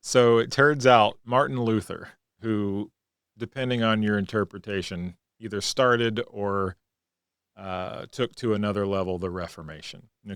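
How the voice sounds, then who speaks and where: A man co-hosting a podcast, telling stories in a relaxed conversational way and acting out the quotes. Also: fairly low pitch, clean tone, dry recording, clean studio sound. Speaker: podcast co-host. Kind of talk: reflective conversational storytelling.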